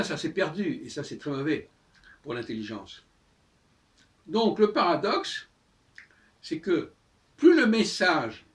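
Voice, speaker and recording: A man's voice: on the high side, far from the mic. An older man hosting a talk channel, musing in a casual monologue with frequent hesitations and repeated words.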